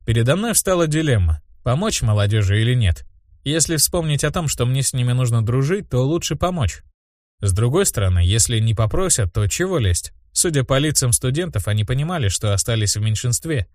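A man's voice: mid-range voice, very animated, a little fast, a little mellow, no echo, clean studio sound. A man narrating a first-person fantasy audiobook in a confident, ironic storytelling manner.

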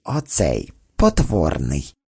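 A spoiled, freckled fat boy, put on by a man reading a storybook, drawling his scornful complaints. The voice is mellow and husky, and it swoops around a lot. The read is dry and close. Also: sits low, huge pitch swings, slow pace, pitched below the performer's own voice, exaggerated voice. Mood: sulky.

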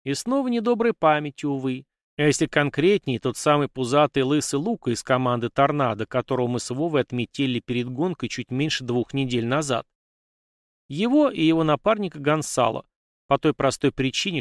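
Guy reading an audiobook in first person, wry and slangy, mid-pitch voice, dry sound. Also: no echo. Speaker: audiobook narrator.

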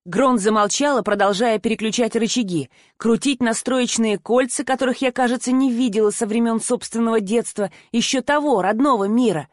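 Expressive woman audiobook narrator, dry sound. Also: fairly high pitch, normal speed, few pauses, dry recording. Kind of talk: scripted narration, first person.

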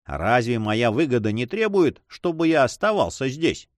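Man doing a cold greedy spy, audiobook, coolly polite, deferential, lively pitch, dry close sound. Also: moderate pace, no room sound, natural voice. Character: cold, calculating male spy, greedy for gold. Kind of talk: audiobook reading.

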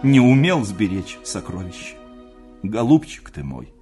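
A man's voice: lowish voice, sing-song, measured pace, dark tone, faint music behind. A man voicing an old woman, a doting and anxious country mother who cries and laments emotionally. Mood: tearful lament. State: crying.

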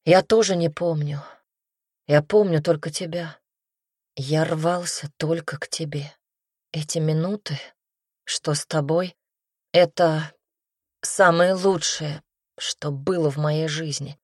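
A remorseful, lovesick young man pleads slowly and sighs between words, as a woman reads him in an audiobook. The voice sits fairly low, and the recording is dry and close. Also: steady tone, a little mellow, dry recording. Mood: tender. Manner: slow, sighing, pleading delivery. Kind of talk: audiobook reading.

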